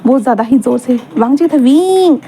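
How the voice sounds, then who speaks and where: Fast, high-voiced woman storyteller. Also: mellow, a little hiss or hum. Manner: chatty, rambling, self-correcting. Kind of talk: casual story narration.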